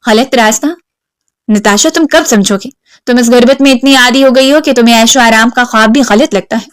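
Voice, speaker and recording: A woman voicing a proud, stubborn young woman who answers with sharp, defiant retorts. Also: fairly high pitch, clean tone, dry recording, close to an everyday voice. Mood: scornful.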